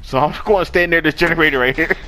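A young man talking excitedly while playing a game, often yelling, swearing a lot, apologizing and laughing in between. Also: on the high side, quick pace, rough recording. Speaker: gamer playing with a friend. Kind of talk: excited gaming commentary.

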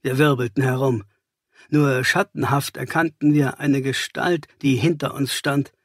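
A man's voice: mid-range voice, fairly even intonation, a little slow, breathy edge, dry recording, clean studio sound. A man reading a detective story aloud as a first-person audiobook narrator.

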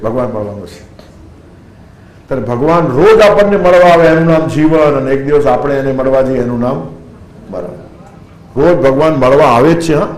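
Older male preacher, Gujarati accent, storytelling discourse style, medium pitch, reverberant room. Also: a little mellow. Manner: storytelling, quotes verses and couplets, acts out everyday people. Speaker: spiritual speaker. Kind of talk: devotional discourse.

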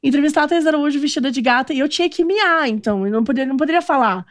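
A Brazilian woman telling a story in an animated podcast chat, laughing often. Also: sits high, rapid-fire, no room sound, studio quality. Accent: Brazilian Portuguese. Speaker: podcast panelist. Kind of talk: casual chat.

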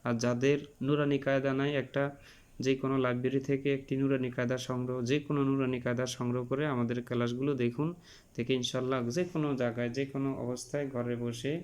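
A man with a Bangladeshi Bengali accent teaching Quran reading, drilling letter sounds slowly and correcting common mispronunciations. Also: medium pitch, little pitch movement, a little mellow. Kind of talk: step-by-step recitation lesson.

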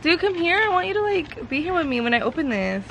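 A woman of twenty-two, talking to her camera in a casual vlog, excitable and gushing, full of slang. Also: very high voice, fast talker, gravelly, background noise. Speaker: vlogger.

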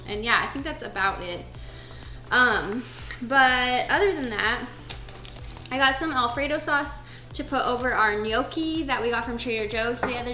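A woman's voice: a little high, reverberant. A young woman vlogging casually from her home kitchen, chatting through her grocery haul item by item with lots of "um" and "like". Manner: chatty, filler-heavy, listing items one by one.

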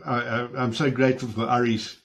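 A man's voice: medium pitch, little pitch movement, fairly quick. A man hosting a panel on a video call, stammering through restarts as he moderates. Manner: warm, stammering restarts, laughs. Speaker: host and moderator.

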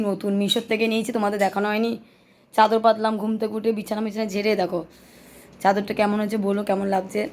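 A young woman with a hoarse throat, chatting to her viewers in a casual home vlog while filming on a handheld phone. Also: mid-range voice, poor audio. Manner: chatty, addresses viewers directly. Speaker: vlogger. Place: small home flat. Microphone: phone held in hand.

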